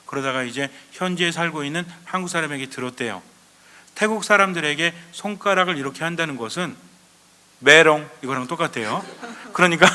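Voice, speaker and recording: Bright-voiced priest in an echoing hall. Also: male voice, a little high. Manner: lively storytelling with rhetorical questions. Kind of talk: Advent lecture sermon.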